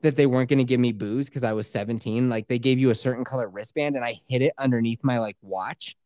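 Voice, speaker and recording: A woman's voice: very deep voice, quick pace, dark tone, no room sound, studio quality. A woman telling a funny story in a casual chat, mocking herself and laughing often.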